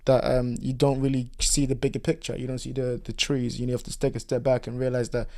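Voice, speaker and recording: A man's voice: medium pitch, flat delivery, quick pace, warm tone. A man talking as a podcast guest in casual chat, eager and rambling, with lots of fillers.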